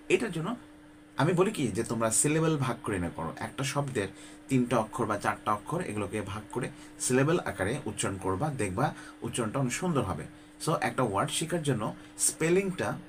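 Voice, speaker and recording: A man from Bangladesh teaching spoken English in a casual, direct way, often asking the listener rhetorical questions, pausing with fillers and dropping English phrases into his talk. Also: medium pitch, slight background noise. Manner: conversational, addresses viewer directly with frequent rhetorical questions; frequent hesitation fillers. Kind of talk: informal spoken-English lesson.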